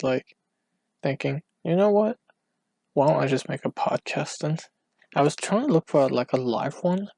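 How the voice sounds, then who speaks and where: A man's voice: mid-range voice, vocal fry, a little mellow, dry recording. A man hosting his first solo podcast from home at night, rambling and hesitant, often out of breath, on a cheap microphone. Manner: meandering, hesitant, full of restarts and fillers. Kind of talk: rambling casual monologue.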